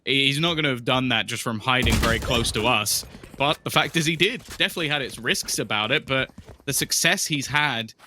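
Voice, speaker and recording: Male esports analyst caster, medium pitch, explanatory live commentary, noisy gameplay sound behind. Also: a little fast, pushed and bright. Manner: conversational, explanatory. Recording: clearly noisy, game gunfire and clicks.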